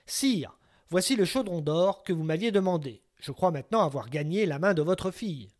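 Man voicing a young storybook hero, bold, cunning, polite, eager, fairly high voice. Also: lively intonation, moderate pace, darkish tone. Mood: proud.

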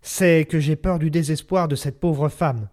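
A man voicing a sturdy young man who speaks softly and imploringly. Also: a little high, measured pace, close to an everyday voice. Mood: worried. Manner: murmured and soft.

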